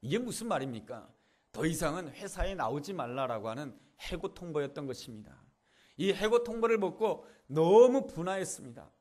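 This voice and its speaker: A man's voice: a little high, lively intonation, normal speed, mellow. A male pastor preaching a sermon, telling a story with earnest, repetitive emphasis.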